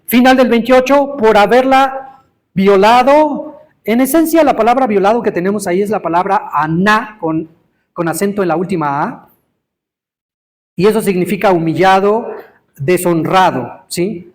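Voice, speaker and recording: Before a live congregation, a man delivers an interactive Torah teaching with a voice that sits high. He quizzes his listeners and stresses words slowly.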